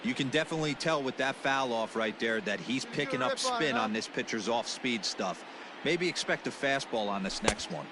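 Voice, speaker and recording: Casting: male actor as casual baseball analyst, medium pitch, conversational, noisy ballpark behind him. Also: lively intonation, moderate pace, close to an everyday voice. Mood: analytical. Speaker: color commentator. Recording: clear background noise of ballpark ambience.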